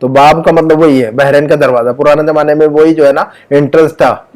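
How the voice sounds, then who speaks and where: A man teaching an Arabic lesson to a student, patiently repeating words, drawing out sounds slowly and checking understanding. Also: a little high, fairly even intonation, a little mellow.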